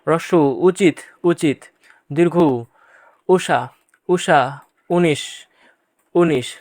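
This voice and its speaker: Teaching Bangla pronunciation for exam preparation, this man addresses students directly, repeats every example word with patience, and stresses what matters most for tests. His voice is a little high and a little mellow, with a studio-quality, echo-free recording.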